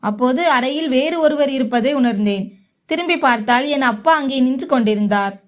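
A woman narrating a first-person short story in a slow, even storytelling manner. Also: high voice.

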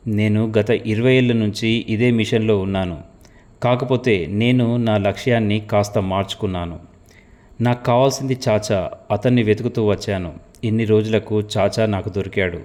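A man reading as a cold, calculating woman agent in an audio story, calm and quiet, her lines low and even. She sounds controlled and unbothered. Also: normal speed, natural voice. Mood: cool, steely. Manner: calm and quiet, flaring to shouts.

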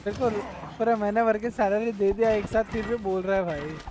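A man's voice: high-pitched, fairly even intonation, brisk, a little mellow, muffled recording, slight background noise. Man urgently coaching his game partner. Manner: teasing banter with chat. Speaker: game streamer. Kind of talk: casual live-stream gaming chat.

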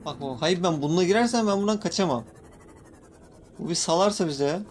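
With slight background noise behind him, a young male YouTuber talks a little fast in a high voice during a casual Let's Play. He addresses his viewers, startles easily at creatures, and throws playful swears at them in an excitable, jumpy manner.

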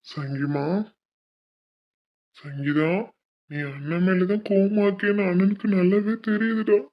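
A woman voicing a loving young adult man who gently pleads with his younger sister in an animated cartoon. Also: medium pitch, a little slow, natural voice. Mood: tender. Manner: tender, pleading, emotional. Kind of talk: dubbed animation voice acting. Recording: dull lo-fi recording.

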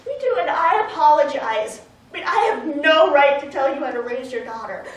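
Actress playing a clingy overeager friend, high bright voice, nervous laughs, distant stage sound, big reverb. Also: female voice, expressive, brisk. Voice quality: gushing, talks over others, nervous laughs. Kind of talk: stage play performance. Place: theater stage. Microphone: far room mic. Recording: echoey stage recorded from afar.

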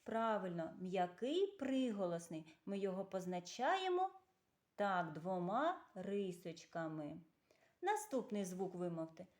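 A woman teaching a preschool lesson on letter sounds, speaking slowly and clearly to children. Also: medium pitch, expressive. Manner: slow, clear, patient, addressing children. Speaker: kindergarten teacher.

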